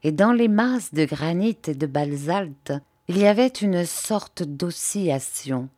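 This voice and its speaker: A woman narrating an adventure audiobook in a steady, measured reading voice. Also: fairly low pitch, dry recording, clean studio sound. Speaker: audiobook reader. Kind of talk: scripted narration.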